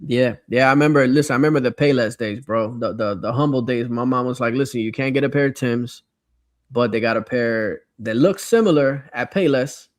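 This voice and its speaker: Here a livestream host, a middle-aged American from Miami, chats through viewer comments using slang and a nostalgic, easygoing manner. He speaks briskly in a mid-range voice, captured in clean studio sound with no echo.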